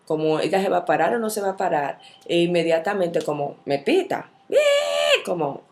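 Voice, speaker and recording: A woman teaching a Bible study, telling a personal story in a candid, expressive way and acting out the dialogue as she goes. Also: fairly low pitch, brisk. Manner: candid, self-reflective.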